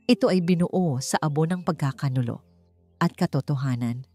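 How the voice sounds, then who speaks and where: Reading a dramatic, scripted romance as narrator, a Filipino-accented woman speaks in a low, mellow voice at normal speed. Background music runs beneath her.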